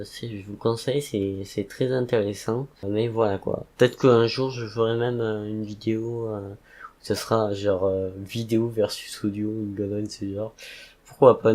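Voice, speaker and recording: A man speaks in a fairly low, slightly rough and rusty voice. He is subdued and relaxed, rambling casually with frequent hesitations, like a creator recording a calm evening update. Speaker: content creator hosting a podcast-style update.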